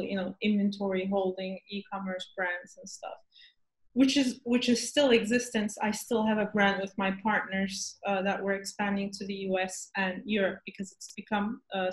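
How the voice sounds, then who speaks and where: A middle-aged woman from Turkey, a guest in an interview, telling her story in a measured, conversational way. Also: mid-range voice, reverberant, low-quality recording.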